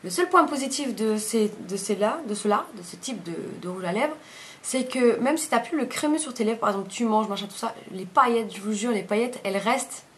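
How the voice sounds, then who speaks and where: A woman's voice: fairly high pitch, lively intonation, a little fast, a bit bright. A woman, chatting casually through a makeup review, rambling and often correcting herself mid-sentence. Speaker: beauty vlogger.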